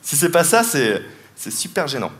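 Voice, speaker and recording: A man's voice: fairly high pitch, big pitch swings, normal speed, a bit bright. A man performing a comedic mentalism act on stage, teasing volunteers and laughing often as he talks. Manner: playful, teasing, laughs often while talking. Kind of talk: live stand-up mentalism show. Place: large theatre stage with live audience. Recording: live show with audience noise. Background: audience laughter and applause.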